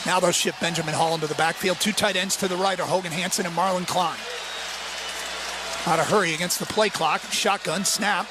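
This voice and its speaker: A man's voice: high-pitched, fairly even intonation, brisk, background noise. A man calling live football play-by-play in clipped, present-tense phrases. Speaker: play-by-play announcer.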